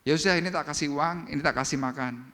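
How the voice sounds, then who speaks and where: A kind, generous woman calls out in a high, eager voice, as a male preacher puts her on. The words trail off into a long church-hall reverb. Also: fast, bright, forceful tone.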